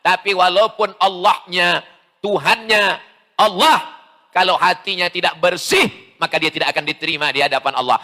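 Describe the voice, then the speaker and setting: A man from Sumatra preaching a lively sermon to a large gathering, loud and emphatic with playful asides. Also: sits high. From Sumatra, Indonesia.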